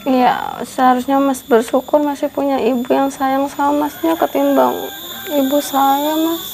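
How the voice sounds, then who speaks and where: A woman's voice: high-pitched, little pitch movement, unhurried, gravelly, darkish tone, a little hiss or hum. An actress playing a sorrowful, meek young woman who ran from a cruel stepmother. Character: sad young woman fleeing her stepmother. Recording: guitar music behind the voice.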